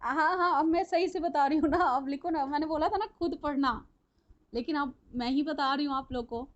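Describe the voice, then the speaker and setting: A woman's voice: high-pitched, normal speed, dull audio. A woman teaching a live online class, chatty and repetitive, often checking that her students are following.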